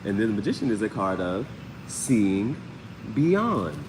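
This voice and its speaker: A lowish male voice, unhurried, hosts a live tarot reading that feels casual and made up on the spot. Slang, sound words and repeated phrases run through what he says. Long, roomy reverb and clear, steady noise sit behind him.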